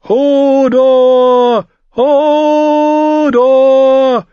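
Brief: scared boy, male reader doing him, pitched way up, panicked cries, dull lo-fi sound. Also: little pitch movement, very slow, clear, resonant tone, no echo, full character voice. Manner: panicked shouting, calling out. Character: frightened young boy who cannot walk.

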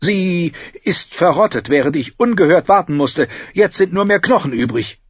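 A man's voice: on the high side, expressive, moderate pace, breathy edge, dry recording, muffled recording, pitched above the performer's own voice. A man voicing a proud, bitter knight who talks in a resentful, snapping, insistent way.

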